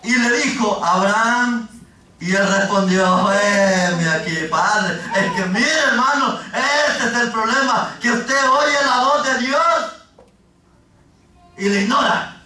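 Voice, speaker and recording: A man preaching a fervent sermon as pastor, often rising to a shout. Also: very high-pitched, slow, slight background noise. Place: church. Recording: echoey church hall, from far off.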